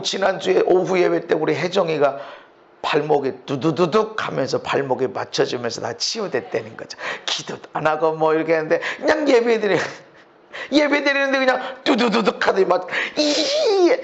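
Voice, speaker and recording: High, gravelly impassioned male pastor. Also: lo-fi sound. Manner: impassioned, acts out inner voices, rising to shouts. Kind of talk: sermon.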